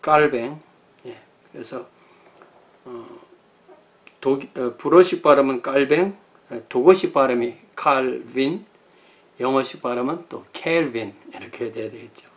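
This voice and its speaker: A man's voice: medium pitch, moderate pace, pauses often. A middle-aged man, a pastor, giving a lecture on church history, thinking aloud with many fillers and self-corrections.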